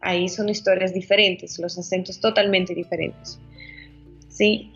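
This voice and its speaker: A woman chatting casually about Spanish accents, lively and playful, laughing often. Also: on the low side, measured pace, husky, lo-fi sound, faint music behind.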